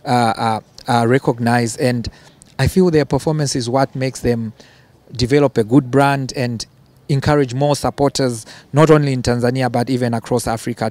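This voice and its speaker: With a medium-pitched, darkish voice, this man from Zambia responds to interview questions hesitantly. He repeats words while collecting his thoughts and lets out chuckles between phrases.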